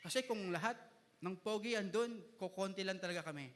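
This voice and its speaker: A man's voice: sits high, brisk, fairly bright tone, slight background noise. A man preaching a sermon as pastor, switching between Tagalog and English and joking with his congregation. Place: church hall. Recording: reverberant church hall.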